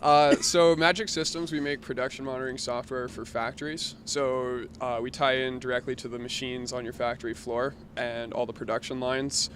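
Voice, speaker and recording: A man's voice: mid-range voice, fairly even intonation, moderate pace, few pauses, fairly bright tone, slight background noise. Hesitant explaining male founder. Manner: explanatory, hesitant with many ums. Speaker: startup founder guest. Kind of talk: interview answers. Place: outdoor patio in a city.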